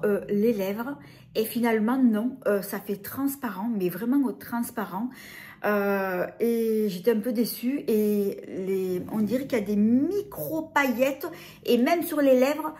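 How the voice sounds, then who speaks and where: A woman's voice: on the high side, a little mellow. A woman with a French accent casually reviewing lip glosses, hesitating often with fillers and restarts. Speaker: beauty vlogger.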